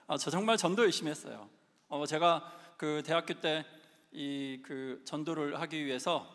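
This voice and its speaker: A man preaching with a higher voice that swoops up and down as he tells stories from his own life. He keeps asking his listeners questions. His voice rings with the long echo of a big hall. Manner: lively, asks the audience questions, acts out his own past shouting. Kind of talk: sermon with personal storytelling. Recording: long reverb of a large hall.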